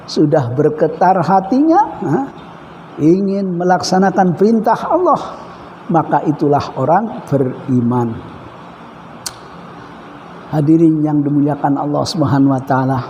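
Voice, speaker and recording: A male preacher giving a measured religious lecture, reciting Arabic phrases between his explanations. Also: a little high, mellow, slight background noise. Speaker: Islamic preacher. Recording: dull reverberant hall recording.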